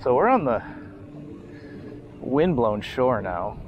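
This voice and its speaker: A man's voice: mid-range voice, slow, muffled recording. A man in his thirties talking casually to himself while he boats and fishes, his voice caught by a camera mounted on a small boat on a lake. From Michigan, US. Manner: relaxed, talks to himself while boating and fishing. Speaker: fishing vlogger. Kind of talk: casual running commentary. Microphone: action camera on the boat. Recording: outdoor camera audio with boat and water noise.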